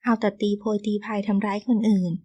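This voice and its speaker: A woman voicing a dignified elderly royal grandmother who speaks slowly and commandingly in an audio novel. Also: medium pitch, steady tone, mellow, dull audio, lightly acted. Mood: stern. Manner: slow, measured and commanding.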